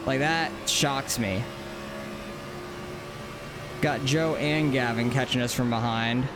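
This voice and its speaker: With the racing game's car engine running in the background, a man drives a sim race and thinks aloud in casual, informal live commentary. His voice is medium-pitched and fairly even in intonation, and he speaks slowly.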